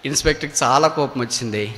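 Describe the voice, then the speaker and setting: Preaching man in a reverberant hall. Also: quick pace. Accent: Telugu. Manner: swings from loud rising cries to low quiet asides. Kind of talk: sermon with acted story. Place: prayer hall.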